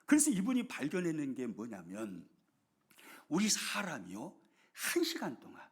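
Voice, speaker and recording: A middle-aged man preaching a sermon. His voice sits fairly high and gravelly, with a husky edge. He swings from forceful emphasis down to hushed whispers, and his pitch rises and falls widely. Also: huge pitch swings, moderate pace. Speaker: pastor.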